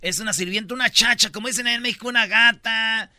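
A man hosting a comedy podcast, telling news stories in slangy, animated chat. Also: high voice, fast, no room sound, clean studio sound. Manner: slangy, animated storytelling with put-on quotes. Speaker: radio podcast host.

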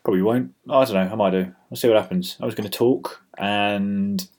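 A man's voice: on the low side, fairly even intonation, a little fast, darkish tone. A British man rambling casually as host of an amateur weather show, with a dry, grumbling, mock-exasperated manner, recorded on a built-in laptop microphone. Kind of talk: rambling casual solo chat.

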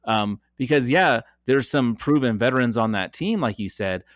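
A man's voice: mid-range voice, expressive, normal speed, dry recording, studio quality. A man co-hosting a podcast, chatting casually about football with frequent ums and restarts. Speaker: podcast co-host. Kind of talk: casual sports chat.

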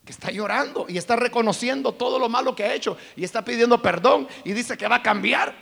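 High, raspy, fiery male preacher. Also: quick pace. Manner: emphatic, dramatic, acts out quotes, swings between shouting and hushed. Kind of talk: sermon. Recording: long reverb of a large hall.

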